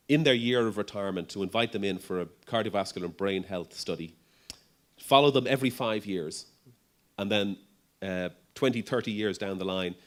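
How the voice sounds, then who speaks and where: A middle-aged man speaking at a medical conference. He talks in a conversational way, with frequent ums and restarts, and his voice sits on the low side. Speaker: neurologist speaker. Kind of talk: conference talk.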